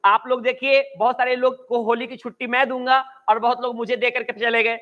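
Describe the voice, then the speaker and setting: A male English grammar teacher with a Bihari Hindi accent, giving an online class lecture, drawing out and repeating key phrases slowly and chatting with students between points. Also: extremely high pitch, level tone, highs cut off. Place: coaching class at home.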